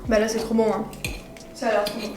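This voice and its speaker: A young woman vlogger chats and giggles with her viewers while eating for a casual food challenge in her home kitchen. Her voice is on the high side and monotone, and she talks quickly. The audio is very noisy and echoey, with music playing behind her.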